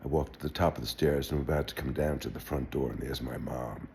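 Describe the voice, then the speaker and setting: An older man telling a wry personal anecdote in a relaxed, halting way, with wry understatement. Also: extremely low pitch, creaky, slight background noise. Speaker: storyteller. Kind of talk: personal anecdote told aloud.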